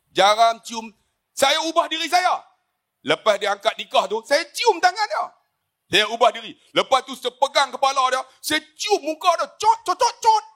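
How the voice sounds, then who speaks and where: A man's voice: extremely high pitch, a bit bright. A man, giving a jokey religious forum talk full of stories and asides to the audience. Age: 50s. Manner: jokey storytelling, addresses the audience often. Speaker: religious speaker on a forum panel.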